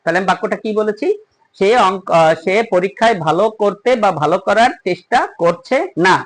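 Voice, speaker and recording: An English teacher gives a spoken grammar lesson, explaining step by step, asking the listener questions, and slowing down on example sentences. The voice is medium-pitched and the audio quality is poor.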